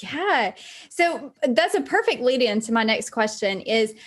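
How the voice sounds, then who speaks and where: A woman's voice: on the high side, animated, a little slow. A woman interviewer asking conversational questions in a polite, encouraging way.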